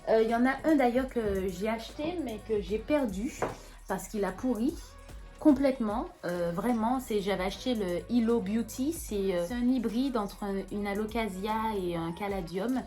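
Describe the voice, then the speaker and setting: A chatty young woman with a lilt talks through her houseplants in a relaxed vlog. She rambles, restarts her sentences and leans on fillers, at a middle pitch, with faint music in the background. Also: normal speed. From Martinique. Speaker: plant vlogger. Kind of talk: casual show-and-tell vlog.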